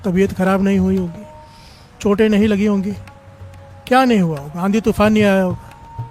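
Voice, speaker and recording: Male preacher, high voice, fervent call-and-response sermon, soft music behind. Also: moderate pace. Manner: fervent call-and-response, urging the congregation to chant back. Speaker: preacher at a devotional gathering.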